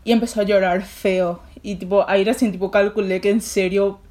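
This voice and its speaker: A woman's voice: mid-range voice, fairly even intonation, fairly quick, a little mellow. A young woman with a Paraguayan Spanish accent, co-hosting a podcast and telling a story in a casual, rambling way full of fillers. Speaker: podcast co-host. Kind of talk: casual chat.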